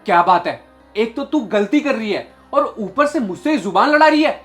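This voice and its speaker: A man's voice: sits high, expressive, moderate pace, fairly bright tone, faint music behind. A young man playing an arrogant employer who harshly and contemptuously scolds his maid. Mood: angry scolding. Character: arrogant young male boss, short-tempered. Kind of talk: short film acting.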